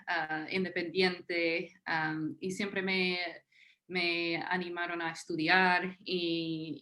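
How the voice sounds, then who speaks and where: An American woman with a fairly low voice gives an unscripted panel talk in Spanish, her second language. She keeps stopping to fill pauses and restart her sentences. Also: pushed and bright. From Tennessee, United States. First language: English. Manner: hesitant, many fillers and restarts. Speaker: historian, panel speaker.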